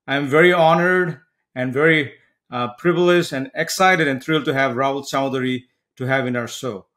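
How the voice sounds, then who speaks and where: A man's voice: mid-range voice, fairly bright tone. Man hosting a podcast. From Nepal. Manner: earnest, halting with many fillers. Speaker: podcast host. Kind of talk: interview podcast.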